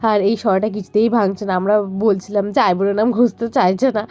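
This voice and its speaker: A young woman with a Bengali accent and a voice hoarse from a cold, chatting through a casual vlog voice-over with lots of fillers. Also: medium pitch, steady tone, brisk, darkish tone. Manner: chatty, rambling, many fillers. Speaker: vlogger.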